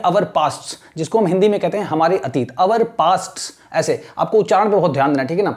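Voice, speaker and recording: A man teaching a lecture in Hindi mixed with Indian-accented English, slowing down deliberately on English lines to model pronunciation. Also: high voice, a little mellow. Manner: mixes Hindi and English, repeats "ठीक है ना". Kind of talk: classroom lecture.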